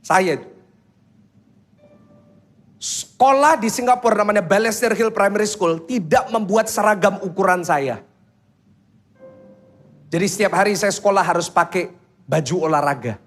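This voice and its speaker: A man preaching a sermon as pastor, telling stories, acting out children's voices, and quizzing the congregation with quick questions. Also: high voice, fairly bright tone, faint music behind. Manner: storytelling that acts out children's voices.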